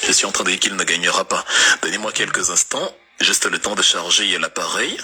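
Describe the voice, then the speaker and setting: A man's voice: low voice, steady tone, fairly quick, bright, forceful tone, slight background noise. A man with a light Cameroonian French accent, giving an impassioned political monologue on a livestream, repeating himself with stammering restarts. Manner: emphatic, repetitive, stammering restarts. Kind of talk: impassioned political monologue reacting to viewer comments.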